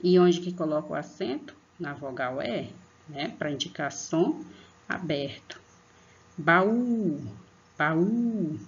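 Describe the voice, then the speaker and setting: Teaching children online, a patient woman stretches and emphasizes example words and talks to her pupils as "tia". Her low voice is expressive and a little mellow, at a measured pace. The audio has a dull, lo-fi quality.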